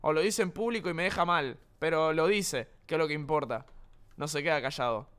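Bright-voiced young Argentine man streaming. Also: fairly high pitch, brisk, clean tone. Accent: Argentine Spanish. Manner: crude banter, heavy slang and swearing. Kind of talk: live gaming stream chat.

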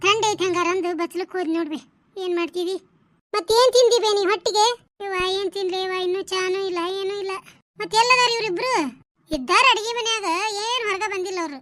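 A woman voicing shrill gossiping village women. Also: fairly bright tone, no room sound. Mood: bickering. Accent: North Karnataka Kannada. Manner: quick scolding village banter, exclamatory. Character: bickering gossipy village women, nosy and sharp-tongued. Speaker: voice of a cartoon series. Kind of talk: village gossip cartoon voice acting.

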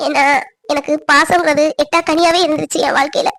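A woman voicing a tender, lonely young village woman in a cartoon, speaking softly and pleadingly. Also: high voice, steady tone, fairly quick, no echo. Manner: soft, pleading, tearful. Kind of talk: cartoon voice acting.

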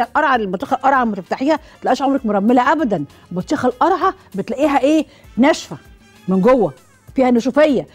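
A woman's voice: high-pitched, a little mellow. A middle-aged woman with an Egyptian accent hosts a cooking show, demonstrating with a watermelon and asking the viewers questions she answers herself. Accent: Egyptian Arabic.

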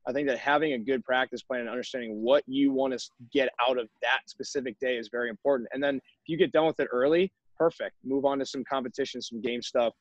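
On a dull, dry video-call recording, a college baseball coach, a young man, talks with emphasis to other coaches and keeps tagging his points with "right?". His mid-range voice carries no echo.

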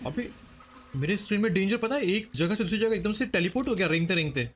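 A man streaming a battle royale match, leading his squad with quick, repeated commands. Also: high-pitched. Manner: fast, excitable, repeats short commands. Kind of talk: live gameplay squad chat.

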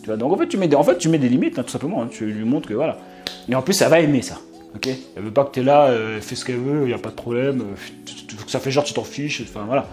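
A man's voice: mid-range voice, fast, faint music behind. A young man giving dating advice in a casual, slangy, joking storytelling manner. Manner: animated, streetwise, slangy and joking. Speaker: dating advice video host.

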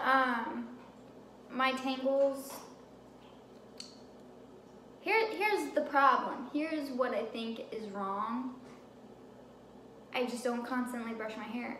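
A woman's voice: fairly high pitch, slow pace, long pauses, a bit bright. A young woman in her twenties talking casually at her kitchen table in a haul vlog, rambling and poking fun at herself. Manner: chatty, rambling, self-deprecating. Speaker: vlogger. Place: home kitchen table, indoors. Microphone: camera on table. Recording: roomy kitchen with background noise.

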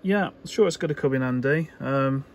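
In halting, hesitant bursts, a man casually demonstrates something at his workbench without a script, much as an electronics hobbyist might. He has a mid-range voice, and background noise comes through clearly.

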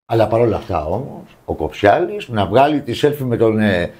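A man co-hosting a showbiz gossip show, talking casually and mocking the celebrities he discusses with scorn. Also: on the low side. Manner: scornful, mocking, animated opinions.

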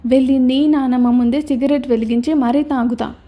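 A woman voicing an angry, defiant young woman who shouts and talks back rudely in a storybook reading. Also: high-pitched, steady tone, fairly quick, close to an everyday voice. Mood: defiant anger. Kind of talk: storybook character voice.

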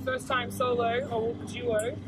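A woman's voice: a little high, little pitch movement, slow, over music. A young woman chatting casually and jokingly on a sailboat. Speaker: sailing vlogger. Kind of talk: casual vlog chat. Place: sailboat outdoors on the water.

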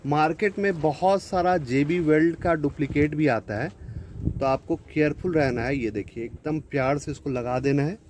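A man with a slightly high voice talks viewers through a scooter repair in a friendly, chatty way. He slips English words into his explanation. Recorded outdoors on the camera mic while he works, with a faint outdoor hum behind him. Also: normal speed, a little mellow. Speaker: DIY repair video host. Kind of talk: casual tutorial narration.

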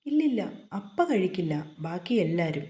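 A woman's voice: fairly low pitch, very animated, moderate pace, warm tone. A woman voicing a young bride who chatters, pleads and asks eager questions. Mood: chatty. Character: young female bride, emotional and talkative. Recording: roomy echo.

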